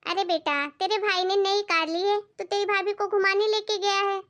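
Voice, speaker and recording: A woman voicing a patient, doting older mother-in-law in an animated family skit, speaking in a soothing way. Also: very high-pitched, moderate pace. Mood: kindly. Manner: soothing, calming her angry daughter.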